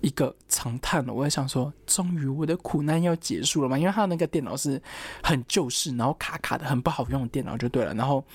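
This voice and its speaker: A fast-talking young adult student with a medium-pitched, husky voice chats casually about a personal story, recorded with no room sound. Thoughts are linked by lots of fillers such as "然后" and "anyway," and the student quotes others along the way.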